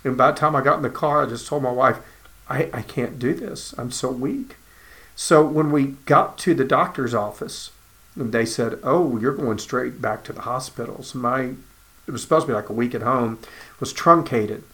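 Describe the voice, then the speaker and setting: رجل يروي قصته بلهجة تكساسية. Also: male voice, medium pitch, normal speed, a bit bright. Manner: earnest storytelling, acts out dialogue. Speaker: cancer survivor telling his story. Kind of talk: personal testimony.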